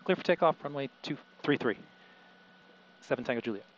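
A man keys the aircraft radio as the pilot and reads back tower instructions in clipped, formulaic aviation phrasing. His voice comes through a muffled headset feed with a faint hum of cockpit noise behind it. The pitch sits at an ordinary middle level for a man. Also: animated, brisk. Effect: pilot talking over the aircraft radio. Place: small plane cockpit.

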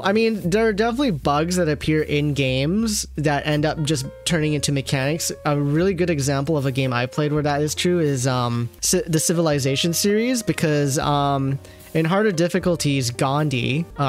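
A man streaming live commentary, reading comments aloud and answering them in a halting, self-interrupting way. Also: on the high side. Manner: halting, self-interrupting, argues with what he reads.

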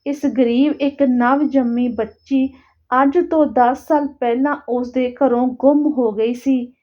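Woman reading a tearful father, begging, high voice, storybook reading. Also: fairly even intonation, measured pace, muffled recording. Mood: pleading. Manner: pleading, tearful. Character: Janta, pleading Sikh man, grieving father.

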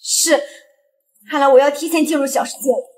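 A woman's voice: high-pitched, fairly even intonation, fairly quick, darkish tone, lightly acted. An actress playing a willful, scheming young woman in a short web drama, speaking with dramatic emphasis. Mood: determined, scheming.

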